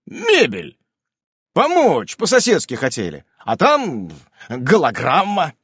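Narrator playing a blustering middle-aged neighbor, strained and high. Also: male voice, huge pitch swings, slow, a bit bright, husky, dry recording, clean studio sound, heavily acted. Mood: flustered. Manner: defensive, blustering.

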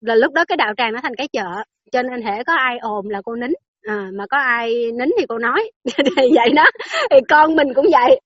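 At a normal pace and a somewhat high pitch, a woman teaches a Buddhist dharma talk in a playful, conversational way, regularly putting questions to her audience. The audio is dry and slightly dull.

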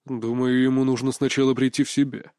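A man voicing a calm, resolute male commander in a measured, mild but firm tone. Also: mid-range voice, gravelly, no echo, studio quality.

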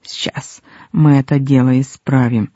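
A drunk, brutish middle-aged father snarls and slurs his threats, as a man reads him aloud. His voice sits in a dark, mellow register. The audiobook recording is dry and somewhat muffled. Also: medium pitch, flat delivery, slow pace, dry recording. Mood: menacing. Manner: slurred, rough, threatening.

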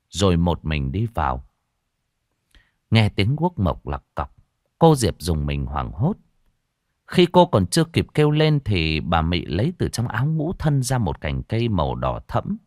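A man narrating a ghost story in an expressive, lively telling. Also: low voice, measured pace, dry recording, clean studio sound.

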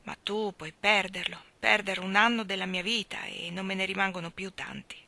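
A woman's voice: mid-range voice, little pitch movement, moderate pace, creaky, bright, forceful tone. A woman reading the part of an aging father, speaking anxiously with a trembling voice in an audiobook. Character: worried aging father, a miller, guarding his savings.

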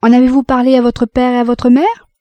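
A woman voicing a composed young widow who speaks crisply, sensibly and directly. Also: high-pitched, flat delivery, a little fast, no echo, lo-fi sound, pitched above the performer's own voice, lightly acted.

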